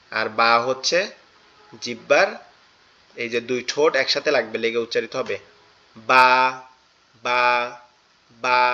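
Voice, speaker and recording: A man's voice: mid-range voice, bright, forceful tone, muffled recording. A man teaching Quran recitation in an online class, patiently repeating each letter sound and explaining where it is formed. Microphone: online class audio.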